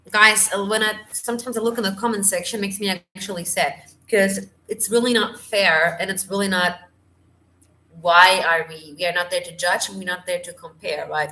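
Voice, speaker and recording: A woman's voice: medium pitch, sharp tone. A woman vocal coach, tired, chatting through a live Q&A and hunting for English words. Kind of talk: live stream Q&A. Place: home.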